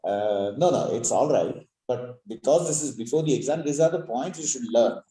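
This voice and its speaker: A man's voice: medium pitch, mellow, roomy sound, rough recording. A man, an examiner questioning a student about a clinical case and correcting her answers. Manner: probing, corrective, asks rapid follow-up questions.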